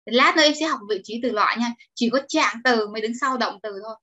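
A woman's voice: a little high, fast talker, sharp tone. A woman teaching an online English grammar class, explaining step by step and encouraging her students. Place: home or office, online class.

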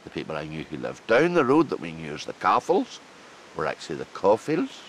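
A man's voice: sits low, huge pitch swings, a little fast, slight background noise, rough recording. A man with a Northern Irish accent tinged with Ulster Scots, explaining and telling anecdotes conversationally, with emphatic phrasing and repeated words. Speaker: language enthusiast interviewed.

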